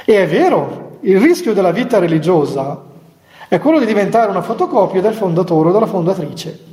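A Franciscan friar with a high, mellow voice and lively intonation speaks briskly in a conversational spiritual talk to nuns. He's chatty, adding humorous asides and chuckles, and the echoey hall gives a long reverb.

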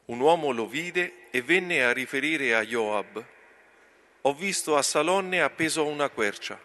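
A man reading scripture aloud at Mass as lector, in a slow, deliberate reading manner. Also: fairly high pitch, lively intonation, sharp tone.

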